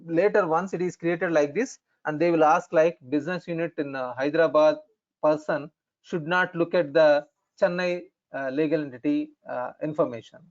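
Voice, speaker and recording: A man with an Indian accent explaining things as an instructor in an online lesson, in halting, repetitive phrasing. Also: on the high side, fairly even intonation. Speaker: instructor in functional finance consulting. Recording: dull, lo-fi online call audio.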